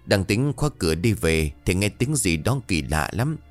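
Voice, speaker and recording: A trembling older countrywoman, put on by a male storyteller, her voice gone hoarse and unsteady. She speaks in a lively, rising and falling way, out of breath with fear. Soft music plays behind this audio ghost story. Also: low-pitched, moderate pace. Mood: frightened. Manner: shaky, breathless telling. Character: frightened older rural wife.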